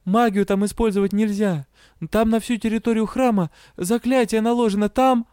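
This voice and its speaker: A man's voice: high-pitched, steady tone, brisk, dark tone, smooth, no echo, voice pushed up, natural voice. A man voicing a frightened young woman, a magic student, who pleads while close to tears. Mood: pleading.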